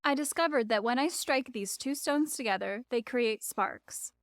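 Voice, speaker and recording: A reader voicing Roz, a polite female robot who speaks in plain, literal, evenly measured sentences for an audiobook. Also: a little high, no room sound, studio quality, close to an everyday voice. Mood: calm literal. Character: calm polite female robot, learning to be friendly. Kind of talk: audiobook character voice.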